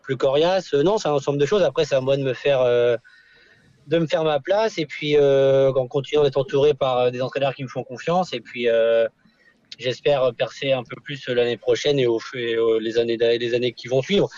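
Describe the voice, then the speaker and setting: Young male racing driver, radio guest, hesitant with lots of pauses, dry and dull sound. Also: mid-range voice, fairly even intonation, darkish tone, no room sound. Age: young adult. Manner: hesitant, many fillers and restarts. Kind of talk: radio interview.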